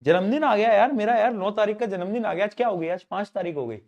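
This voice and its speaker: A man, teaching an online class in a chatty, teasing way and reading questions out slowly. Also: high voice, darkish tone, muffled recording. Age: 20s. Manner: chatty, teasing, jokes with students.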